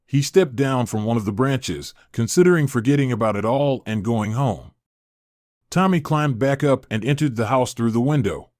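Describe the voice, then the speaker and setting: A man reading a story aloud as scripted narration, in an even, measured way. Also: mid-range voice, no room sound, clean studio sound.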